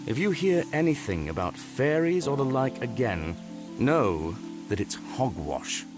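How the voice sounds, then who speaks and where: A man voicing a stern but gentle father in a video game, a rational man of science, lecturing earnestly and with measured words. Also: medium pitch, sing-song, music in the background. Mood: solemn, lecturing. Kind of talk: dramatic video game voice acting.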